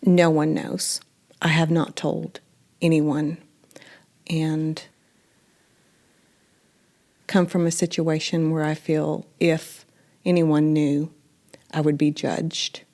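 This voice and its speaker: A woman role-playing a scared eighteen-year-old pregnant girl who has told no one, speaking hesitantly with halting restarts. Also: deep voice, level tone, a little mellow. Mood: fearful.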